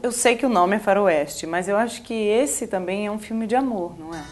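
A woman's voice: medium pitch, moderate pace, over music. A woman interviewing an actor, asking friendly, prompting questions.

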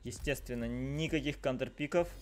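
An esports commentator calls a fighting game live, full of slang and exclamations, repeating phrases for emphasis. His medium-pitched voice stays steady at a normal pace. Loud fighting game music and sound effects play behind him, with slight background noise.

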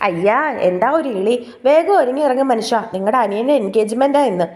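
Woman reading as a pregnant young wife, sharp and scolding, soft mellow voice, bit higher up, audio story. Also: animated, brisk, natural voice.

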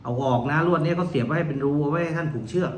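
A man from Thailand demonstrating a crossbow pistol in a casual, polite way, talking while he handles the gear and often trailing off into soft asides. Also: a little high, very fast. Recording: echoey room with faint noise.

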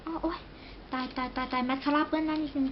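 A woman's voice: high-pitched, steady tone, fast talker. A young woman doing a casual makeup tutorial, chatty and exclamatory, joking at her own expense and talking straight to her viewers. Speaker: beauty vlogger. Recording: slightly dull recording with faint background noise.

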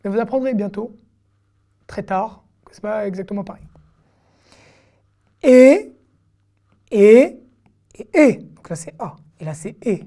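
A Hebrew teacher with a mid-range, dark voice gives an online reading lesson. She patiently repeats syllables slowly, with casual fillers.

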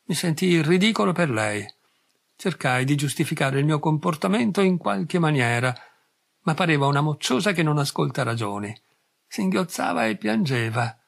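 A man narrating a literary short story in the first person in a measured reading voice. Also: on the high side, vocal fry. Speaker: audiobook reader.

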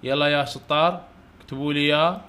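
A man's voice: fairly high pitch, fairly even intonation, fast, sharp tone. A man with an Iraqi Arabic accent teaching English letters to children in an online lesson, coaxing them to repeat and praising them often. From Iraq.

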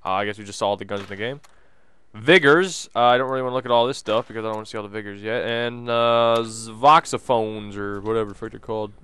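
A young man comments casually on a video game, talking very fast with few pauses in a low-ish, steady voice that is fairly bright, clear, and resonant. Goofy and jokey, he mutters menus aloud and bursts into silly voices, all on a dry recording.

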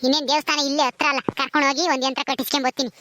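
Woman doing a bossy old granny, lectures fast and high, dry close sound. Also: little pitch movement, sharp tone, dry recording. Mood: scolding. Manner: scolding, lecturing, drawn-out. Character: bossy superstitious old village grandmother. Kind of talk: village comedy skit.

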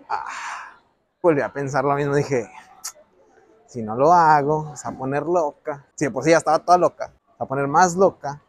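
A young man with a Mexican accent, telling a slangy, animated story in a casual vlog. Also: on the high side. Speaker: vlogger and street interviewer. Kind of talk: casual storytime with street interviews.

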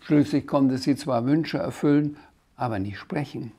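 A man with a German accent reading his own children's book aloud, in a lively, expressive way with occasional asides. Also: medium pitch, unhurried. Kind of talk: storybook read-aloud.

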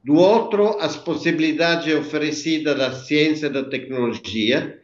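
Joining a remote video call from an indoor workroom, this Italian architect and designer in his sixties, whose native language is Italian, speaks with an Italian accent at a fairly high pitch. As an interview guest, he gives careful, methodical explanations, though the call sound is dull and echoey.

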